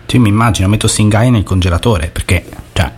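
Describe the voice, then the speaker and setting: Low-voiced Italian man in casual chat. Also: a little fast, slight background noise. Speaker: panelist.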